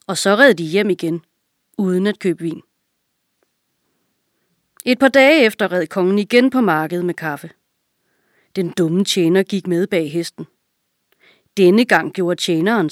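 A woman reading a children's story aloud in a clear, expressive way. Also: on the low side, no room sound, clean studio sound.

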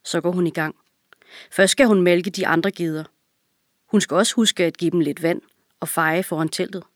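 A woman narrating a children's audiobook in a calm, even storytelling manner. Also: fairly low pitch, no echo, clean studio sound.

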